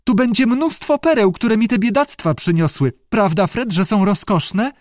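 A squealing, gushing young woman, spoiled and easily excited, her voice lifted high above the reader's own and swinging wildly, as a man reads her out. The storybook delivery is dry and close. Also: normal speed, dry recording.

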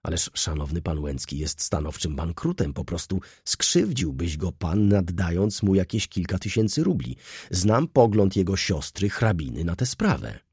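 A man's voice: low-pitched, normal speed, slightly rough, no echo, clean studio sound, full character voice. A man voicing a sly, persuasive old-school lawyer. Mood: scheming. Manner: animated, persuasive, theatrical emphasis. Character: scheming middle-aged male lawyer, smooth and sly. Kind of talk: audiobook character voice.

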